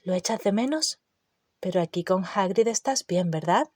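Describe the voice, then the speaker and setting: A woman's voice: mid-range voice, lively intonation, normal speed, no echo, studio quality, close to an everyday voice. Harry, a woman reading a determined teenage wizard. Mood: soft. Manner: soft and quiet, then firm. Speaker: audiobook character.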